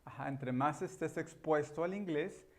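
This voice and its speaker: Male teacher, slightly high voice, unhurried; explains grammar step by step, repeats key words. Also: darkish tone. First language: Spanish. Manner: patient, repeats key words, many "ujú" and "ajá" fillers. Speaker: English teacher.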